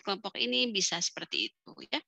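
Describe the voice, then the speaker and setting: A woman's voice: medium pitch, fast talker, gravelly. A young woman with an Indonesian accent giving an online class, talking in a chatty way, mixing English into her speech and laughing often. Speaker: English teaching lecturer.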